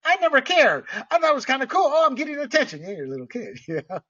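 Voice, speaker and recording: A man's voice: very high-pitched, huge pitch swings, fast, sharp tone. A man from Panama hosting a casual monologue, blunt and ranting, with frequent filler words and the odd swear. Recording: dull lo-fi audio, distant from mic.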